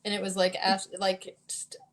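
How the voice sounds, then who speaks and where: A woman's voice: mid-range voice, completely flat delivery, moderate pace. A woman in her thirties co-hosting a casual chat, gushing with effusive praise and telling a personal story. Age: 30s. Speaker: co-host.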